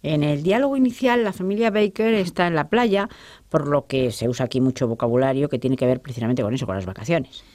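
A woman presenting a radio lesson, steering it with measured questions. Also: low voice, darkish tone, dry recording, studio quality.

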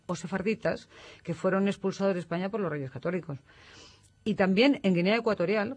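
Spaniard explaining, fairly high voice. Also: male voice. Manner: didactic, tags statements with "¿no?", corrects himself mid-sentence. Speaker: expert guest. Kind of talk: explanatory radio talk.

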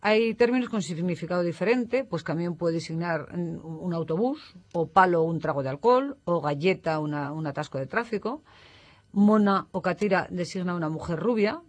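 A man's voice: high voice, expressive, moderate pace. A man from Spain, explaining as an expert guest on a radio talk show, in a didactic manner that often tags statements with a questioning "no". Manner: didactic, tags statements with "¿no?", corrects himself mid-sentence.

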